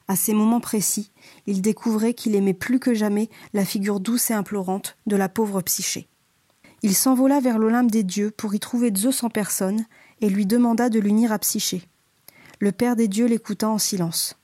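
A woman reads a storybook tale in a measured, expressive way. Her voice is mellow and dark, with a husky grain. It suits a calm bedtime telling. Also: mid-range voice. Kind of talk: storybook narration.

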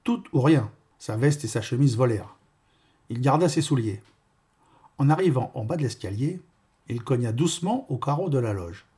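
A male narrator reads a novel aloud with a wry, measured delivery. His voice is husky and of middling pitch. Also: animated, mellow. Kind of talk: audiobook reading.

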